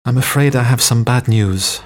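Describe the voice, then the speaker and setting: A man's voice: mid-range voice, normal speed. A man reading short everyday phrases one by one for learners, acting out the intonation of each sentence. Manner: reads short stand-alone sentences, each with its own acted intonation. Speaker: phrase reader.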